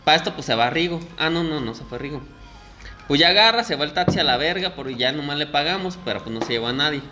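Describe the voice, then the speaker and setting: Rowdy, profane Mexican storyteller. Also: male voice, a little high, expressive, quick pace, pushed and bright, faint music behind. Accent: Mexican Spanish. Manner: rowdy, profane, acts out the people in his stories. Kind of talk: casual crude anecdote telling.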